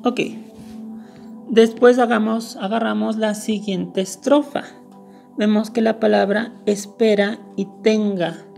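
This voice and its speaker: A woman teaches a lesson at an unhurried pace, going through each point in turn. Her voice is low-toned and mellow, with a gravelly edge, and she often repeats the key word to make it stick. Soft music plays faintly behind her. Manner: explains step by step, repeating key words. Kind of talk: screen-recorded lesson.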